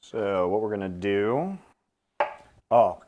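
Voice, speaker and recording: A man's voice: on the low side, animated, takes it slowly, darkish tone, a little hiss or hum. A man hosting a casual cooking stream, explaining each step aloud with dry, teasing humor. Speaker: cooking show host.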